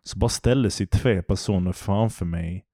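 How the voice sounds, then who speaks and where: A man's voice: low voice, dry recording, studio quality. A young man telling a story in casual chat, swearing a lot. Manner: animated anecdote-telling, heavy swearing.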